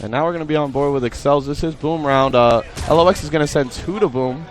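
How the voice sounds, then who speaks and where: A young man giving steady, analytical color commentary on a live esports match. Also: a little high, fast talker.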